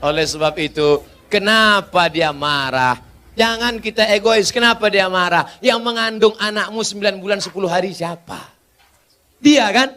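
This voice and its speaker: A man's voice: high-pitched, normal speed, bright, forceful tone. A man from Indonesia preaching in a humorous question-and-answer sermon, with playful rhetorical questions and emphatic build-ups. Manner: joking, rhetorical questions, rising emphatic delivery.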